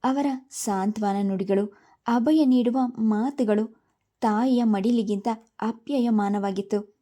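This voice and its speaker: Female storyteller, steady and reflective, very dark, mellow tone. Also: mid-range voice, slow. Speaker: narrator. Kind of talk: storytelling narration.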